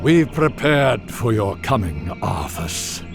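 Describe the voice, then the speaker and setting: An actor playing a dignified old wizard in a video game, grave, measured and disapproving. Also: male voice, on the low side, big pitch swings, gravelly, music in the background, heavily acted. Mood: stern warning. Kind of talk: dramatic video game acting.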